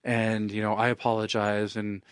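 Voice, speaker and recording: A man's voice: on the low side, level tone, moderate pace, smooth, no room sound. Wry, chatty lawyer man, dry sound. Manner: wry and conversational, leans on "you know". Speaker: estate planning attorney. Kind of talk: casual spoken monologue.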